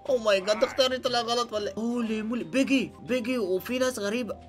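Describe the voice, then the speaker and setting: A young man with an Egyptian Arabic accent hosting an excited let's-play commentary, dropping English exclamations as he plays. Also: very high-pitched, rapid-fire. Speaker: gaming channel host. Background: faint background music.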